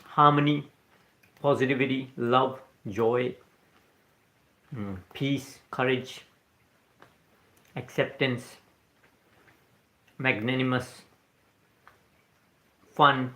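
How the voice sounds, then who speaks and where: A man's voice: medium pitch, fairly even intonation, extremely slow, pauses often, sharp tone. A man with an Indian accent, English not his first language, talking casually about spirituality on a livestream, answering chat comments and often tagging "right?" onto his points. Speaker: livestream host. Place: live stream recorded in New Zealand.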